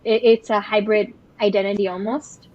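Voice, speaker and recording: A woman's voice: medium pitch, flat delivery, normal speed, mellow, no room sound. Brief: young woman, reflective guest, dull close sound. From Bangladesh. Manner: thoughtful, frequent restarts and fillers. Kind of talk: casual interview conversation.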